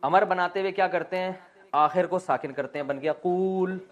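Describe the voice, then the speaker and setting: A man with a somewhat high voice gives a lesson on the Quran. He poses questions to his listeners and answers them himself. He drops in light jokes as he goes. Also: lo-fi sound. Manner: light joking asides. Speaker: Islamic scholar teaching Quran exegesis. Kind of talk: explanatory religious lesson. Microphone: recording while writing on a board.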